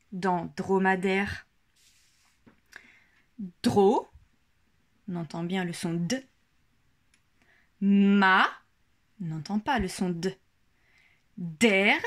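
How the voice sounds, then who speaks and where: A woman with a French accent, slowly explaining a phonics exercise to parents, stressing each syllable. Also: medium pitch, a little mellow. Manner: articulates words syllable by syllable. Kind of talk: slow, careful instructional explanation.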